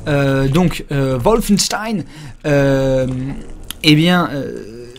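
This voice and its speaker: A man's voice: fairly high pitch, a little fast, a little hiss or hum. Crude, joking man streaming a game. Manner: rambling, crude and joking, many fillers. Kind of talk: casual live gameplay commentary.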